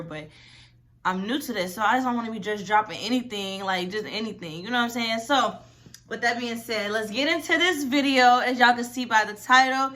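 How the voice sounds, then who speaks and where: A twenty-one-year-old woman answers questions in a casual vlog, chatty and rambling, and saying "y'all" and "like" a lot. Her voice is medium-pitched, bright, and forceful.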